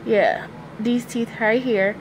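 A woman's voice: on the high side, fairly even intonation, takes it slowly, a little hiss or hum, rough recording. A woman in her early thirties chatting casually at home in the evening, talking with a finger in her mouth to show her teeth. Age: early 30s. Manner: chatty, loose, says "y'all" and "um" a lot. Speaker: vlogger. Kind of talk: casual chat.

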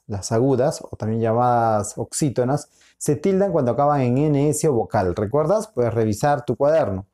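A man's voice: fairly high pitch, warm tone. A male school teacher giving a recorded online lesson, patient and repetitive, often checking in with short questions. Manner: repeats himself and checks in with frequent questions; patient, drawn-out explaining.

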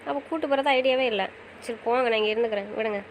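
Young woman, fast talker, fairly high voice, affectionate and teasing, casual couple banter. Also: slight background noise, low-quality recording. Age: young adult. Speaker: wife in a couple's chat.

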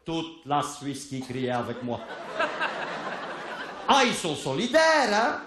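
A man spins a comic tale in a high, bouncing voice that leaps all over the place. He laughs through his lines and bursts into shouted impressions of the people in his story. The sound is roomy, with an echo around him. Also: wildly swooping pitch, slow, background noise. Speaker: comedian.

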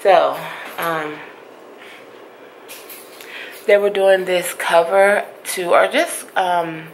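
Chatty low-voiced woman vlogging. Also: steady tone, drawn-out words. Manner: chatty, playful, uses "y'all". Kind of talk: casual vlog chat. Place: car and shops. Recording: noisy phone recording.

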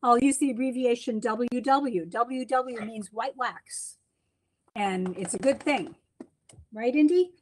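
A woman's voice: a little high, takes it slowly, a little mellow, slight background noise. A middle-aged woman giving a chatty slide lecture from home over a webcam, with many ums and restarts. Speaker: beekeeping speaker. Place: home room, indoors. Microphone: webcam on a video call.

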